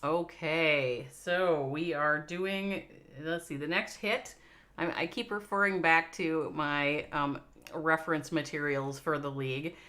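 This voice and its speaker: An esports caster with a Minnesota accent gives chatty, playful live commentary on a mobile strategy game match, reacting to chat and laughing along. Her voice is low-pitched and sharp, with fairly even intonation, and she speaks slowly.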